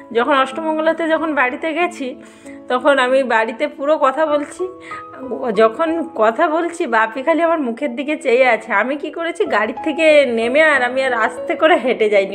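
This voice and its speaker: Young woman vlogger, chatty and fast-flowing, a touch high, cooking at home with music behind her. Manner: talkative, says she talks a lot and loudly. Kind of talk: casual chatty cooking vlog. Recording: background music under the voice.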